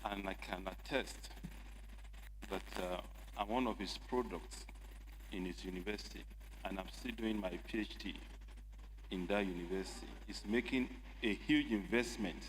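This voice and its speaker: A man with a Nigerian accent addresses a legislative chamber in a measured, emphatic formal style. His voice carries the long echo of a large hall. A faint hum of noise sits behind it. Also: low-pitched, fairly even intonation. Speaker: state lawmaker. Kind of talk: formal parliamentary speech.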